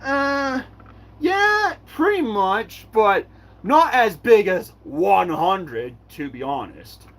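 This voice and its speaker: Man, live stream Q&A host, reads chat aloud, halting and repetitive, bouncy pitch. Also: sing-song, a bit bright. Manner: halting, repeats words and restarts often.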